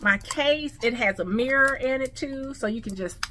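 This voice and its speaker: A woman with a slight lisp, speaking with new veneers in an excited, gushing casual vlog to her viewers. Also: sits high, normal speed, a little hiss or hum. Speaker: vlogger. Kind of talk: casual product review vlog.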